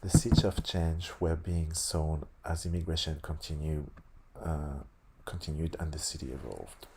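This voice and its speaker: A man with a lisp reading aloud haltingly, stumbling and correcting himself, with casual asides. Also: rumbling low, steady tone, darkish tone, a little hiss or hum. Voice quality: lisp on s sounds. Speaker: host reading a tabletop game sourcebook aloud.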